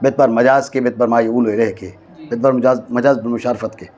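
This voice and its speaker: A man from Pakistan teaching a classroom lecture, often stopping to check that students follow and slowly repeating key phrases for stress. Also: medium pitch, fairly even intonation, darkish tone. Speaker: teacher of Arabic grammar. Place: madrasa classroom.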